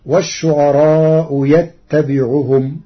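Husky-voiced man, slow and careful, formal lesson, kinda dull lo-fi sound. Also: a little high, flat delivery. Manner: measured, deliberate, slows to intone quoted verses. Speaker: presenter explaining Quranic reading variants.

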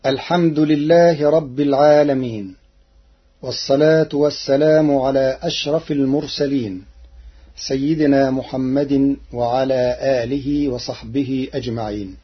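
A man giving a scripted, measured lesson, chanting short quoted passages between his explanations. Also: mid-range voice, steady tone, slightly rough, highs cut off. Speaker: teacher. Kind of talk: scripted instructional narration.

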